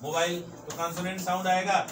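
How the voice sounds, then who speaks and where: Man, English teacher, emphatic, repeats points, high voice, echoey room heard from afar with noise behind. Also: little pitch movement, fairly quick. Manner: emphatic, repeats points, often says "sir". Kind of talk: classroom-style grammar lesson. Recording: echoey room, mic far off, background noise.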